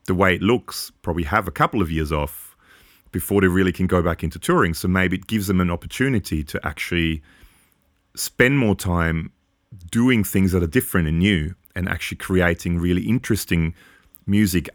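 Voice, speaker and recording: Deep-voiced man in his forties, rambling. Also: dry recording, studio quality. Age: 40s. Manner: earnest, long rambling opinions. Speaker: podcast co-host. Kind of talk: casual podcast chat.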